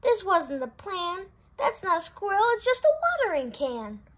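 A woman's voice: very high voice, very animated. A woman voicing an upbeat, groovy cartoon cat from a storybook, with slangy, exclamatory lines. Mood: disappointed. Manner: exclamatory, slangy, drawn-out wondering.

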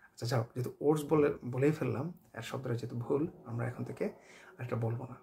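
Gravelly-voiced man teaching pronunciation. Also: medium pitch, fairly even intonation, dark tone, slight background noise. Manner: slows to drawn-out, careful model words between quick explanations; mixes English words into his speech. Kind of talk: casual spoken lesson.

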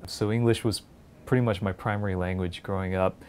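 A pediatric clinical fellow, from India and raised in New Jersey, talks earnestly and encouragingly to camera in an indoor research lab, using a lapel mic. His low, darkish voice is clean, brisk, and fairly even in intonation.

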